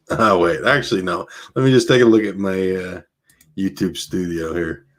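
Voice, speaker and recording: A man's voice: deep voice, moderate pace. A man reading a novel aloud on a live stream, then chatting casually with his viewers. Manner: relaxed and chatty, with laughs and fillers between readings. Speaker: audiobook reader streaming live.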